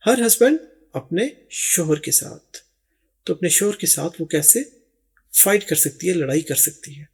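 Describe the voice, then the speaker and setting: Gravelly-voiced man teaching English slowly. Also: a little high, a little mellow. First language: Urdu. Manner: slow, spelled-out English examples between quick explanations. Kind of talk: language lesson narration.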